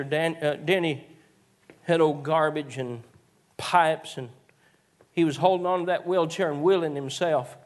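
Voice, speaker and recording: Folksy preacher man, higher voice. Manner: folksy, swings to shouted exhortation. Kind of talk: sermon with storytelling.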